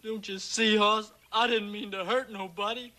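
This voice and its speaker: Halting, childlike country fella, bright voice. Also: male voice, sits high, fairly even intonation. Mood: pleading, agitated. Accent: American. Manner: halting, stammering, rustic speech. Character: simple-minded, childlike man, a hunted killer, remorseful and wistful. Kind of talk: 1960s television western acting. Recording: old TV soundtrack with music underneath.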